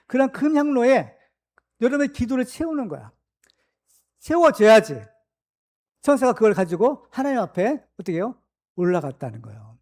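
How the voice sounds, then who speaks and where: A male pastor preaching a sermon, emphatic and full of rhetorical questions to his congregation, reading scripture slowly and deliberately. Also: extremely high pitch, darkish tone.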